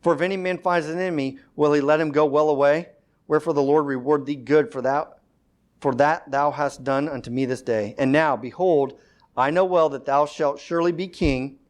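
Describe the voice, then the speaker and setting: Speaking a little fast in a voice on the high side, a man leads an informal Bible study. He reads scripture aloud and explains it conversationally, using fillers and correcting himself.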